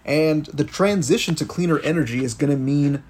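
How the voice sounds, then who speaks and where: A man's voice: a little high, moderate pace, a little mellow, breathy edge. A man co-hosting an informal chat, reading out items and commenting in slangy, loose language. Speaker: podcast co-host.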